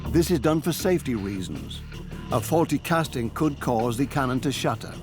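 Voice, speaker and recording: A male documentary narrator reads a scripted account at a measured pace of phrasing, with a sense of drama. His voice sits at a middle pitch, over clearly audible music. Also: animated. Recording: prominent music bed.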